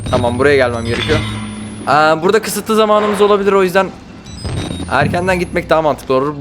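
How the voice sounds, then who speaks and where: A man giving live commentary while playing a horror game, jumpy and panicky, often yelling and swearing. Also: fairly high pitch, expressive, fast, music in the background.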